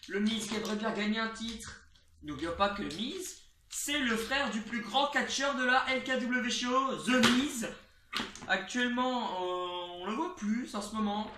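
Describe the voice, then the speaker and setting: A wrestling commentator calling a video game match play-by-play, excitable and rambling, repeating names and shouting at the big moves. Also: medium pitch. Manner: rambling asides, repeats names, frequent restarts. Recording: roomy, noisy, distant home mic.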